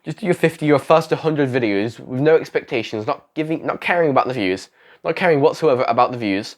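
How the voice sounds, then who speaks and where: This young man's voice is medium-pitched, lively, and a little fast as he vlogs to camera with advice for other creators. Ill and losing his voice, he wanders off track, corrects himself, and circles back over the same phrases.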